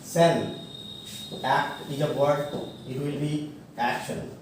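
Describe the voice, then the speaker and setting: Slow, halting male teacher in echoey room. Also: fairly high pitch, flat delivery. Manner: slow, halting, many fillers and self-corrections, spells words out. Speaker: college English teacher. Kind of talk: classroom grammar lecture. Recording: echoey room, mic far off, faint noise.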